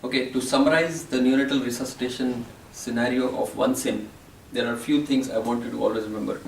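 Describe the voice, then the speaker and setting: A man acting as a medical educator, calmly summarizing newborn resuscitation steps one by one. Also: mid-range voice, fast, echoey room, distant mic, slight background noise, poor audio. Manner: calm, step-by-step explaining. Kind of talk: teaching summary.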